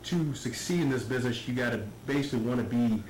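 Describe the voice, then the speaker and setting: A man's voice: mid-range voice, fast. An American man, a wrestler giving a casual promo interview, earnest and repetitive with many verbal fillers. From Las Vegas, United States. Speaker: professional wrestler being interviewed. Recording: roomy, echoing recording with faint noise.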